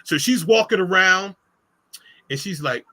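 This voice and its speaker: A middle-aged man talks like a podcast guest, animated and emotional, often restarting his sentences and acting out quotes. His voice is bright and forceful, and it is recorded dry and close with little room sound. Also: sits high, unhurried, dry recording, rough recording. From United States. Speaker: podcast guest, business founder. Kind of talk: casual storytelling interview.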